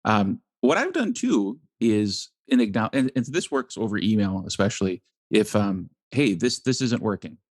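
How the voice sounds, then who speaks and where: A man co-hosting a casual podcast conversation, laughing often and acting out quotes in an animated way. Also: fairly low pitch, normal speed, hardly any pauses, dry recording, studio quality. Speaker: podcast co-host.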